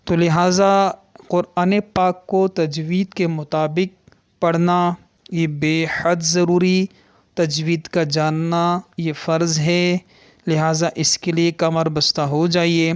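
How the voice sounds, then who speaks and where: A man's voice: fairly high pitch, flat delivery, smooth, dry recording. A man teaching the rules of Quran recitation in an earnest, instructive way, sounding out letters to show the difference between them. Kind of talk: religious lesson on Quran recitation.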